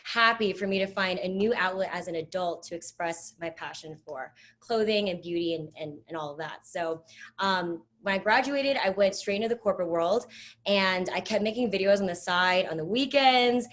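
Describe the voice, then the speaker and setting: A woman in her thirties, telling her story as a panelist in an upbeat, chatty way. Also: medium pitch. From United States. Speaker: panelist, influencer. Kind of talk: casual panel talk.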